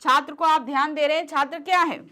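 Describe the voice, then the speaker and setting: A woman's voice: sits high, fairly even intonation, quick pace, pushed and bright. A woman teaching a grammar lesson. She asks questions and answers them herself, and she checks in often to make sure her students follow.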